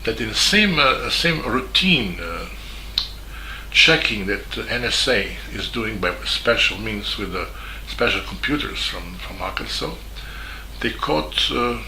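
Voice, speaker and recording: Halting Serbian-accented man, bright tone. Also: on the low side, sing-song, a little hiss or hum. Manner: halting, with many fillers and restarts. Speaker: journalist. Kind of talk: spoken statement. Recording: echoey room with faint ambience.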